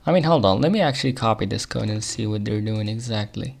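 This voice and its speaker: Debugging live on stream, this Arabic-accented man mutters his thoughts to himself, punctuated by quick chuckles. He speaks with a fairly low pitch and vocal fry, over a slight hiss or hum.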